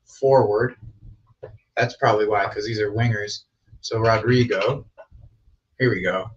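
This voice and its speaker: A man's voice: fairly low pitch, steady tone, a little slow, far from the mic, muffled recording, noisy background. A man co-hosting a sports show, talking things through in casual chat. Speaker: show host.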